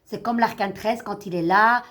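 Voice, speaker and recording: This online tarot card reader and host has a mid-range, fairly bright voice at normal speed and a slight lisp. Chatting casually with her followers during a reading, she encourages them, says things twice for emphasis, and gets tongue-tied when delighted, all with instrumental music in the background.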